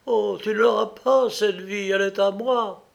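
A man's voice: fairly high pitch, fairly even intonation, takes it slowly, fairly bright tone. A man reading a storybook aloud, voicing a desperate young pregnant wife who pleads and then accuses in anguish. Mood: frantic.

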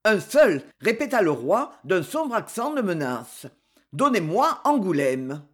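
A reader voicing a suspicious, commanding fifteen-year-old king in an audiobook, with stern, threatening lines and weighty pauses. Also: medium pitch, big pitch swings. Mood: menacing. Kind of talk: audiobook character reading.

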